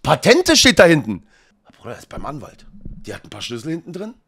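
A man streaming a reaction, joking and talking to his chat in an animated way. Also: fairly high pitch, a little fast, husky. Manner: animated, jokey, talks to chat.

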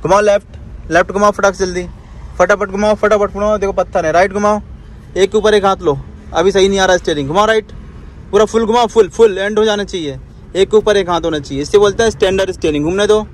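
Talking fast in a high voice, a man gives a driving lesson from inside a car. As a driving instructor, he takes his student through each step instructively, repeating commands and tagging lines with "ठीक है".

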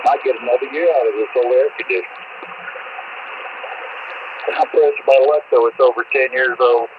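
A man chatting casually on the air as an amateur radio operator, heard through a shortwave receiver on single sideband, halting and full of fillers. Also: medium pitch, fairly even intonation. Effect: heard through a shortwave radio receiver, single sideband signal. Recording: muffled, noisy radio signal from far off.

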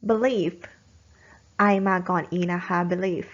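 A woman tutor running a vocabulary quiz lesson, explaining each word patiently and clearly. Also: on the low side, moderate pace, muffled recording.

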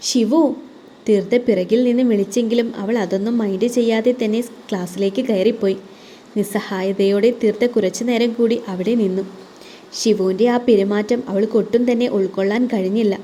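A woman narrating a scripted audio novel in a calm, even reading voice. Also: medium pitch, a little hiss or hum. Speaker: storyteller, voice-over narrator.

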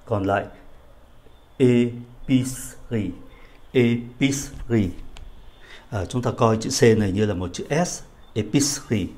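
A man teaching a French reading lesson, reading phrases slowly and carefully and then explaining them quickly. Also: lowish voice, darkish tone.

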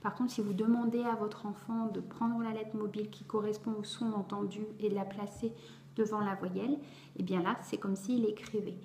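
A woman's voice: medium pitch, level tone, moderate pace, darkish tone. A woman reading tutor explaining a learning method to parents, hesitant and full of fillers. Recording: echoey room with faint background noise.

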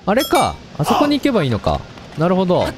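A man giving casual, excitable let's-play commentary, often reading game lines aloud, with game music behind him. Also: high-pitched, fast talker, noisy background. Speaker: game streamer. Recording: game music playing under voice.

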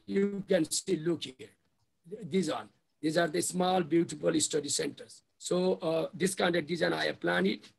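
A middle-aged man with a Nepali accent presenting slides on a video call in halting, repetitive phrases. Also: on the high side, creaky, slightly rough. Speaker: university official presenting a development plan. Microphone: video call microphone.

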